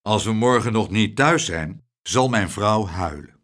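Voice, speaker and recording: A man's voice: fairly low pitch, lively intonation, unhurried, fairly bright tone. A man doing a whining fretful husband. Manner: whining, self-pitying. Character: timid fretful middle-aged husband.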